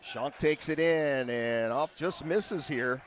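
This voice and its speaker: A man's voice: a little high, takes it slowly, a little hiss or hum. A man giving basketball commentary as a play-by-play broadcaster.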